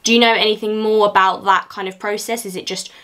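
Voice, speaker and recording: A woman's voice: medium pitch, fairly even intonation, quick pace, bright, forceful tone. Friendly young woman interviewing over video call. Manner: friendly, encouraging questions. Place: bright room at home, indoors.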